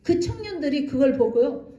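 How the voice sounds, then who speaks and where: Lively high-voiced woman missionary speaking. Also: normal speed, lo-fi sound. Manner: animated storytelling with acted quotes and laughter. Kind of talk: special lecture at a church. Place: church hall. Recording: echoey church hall.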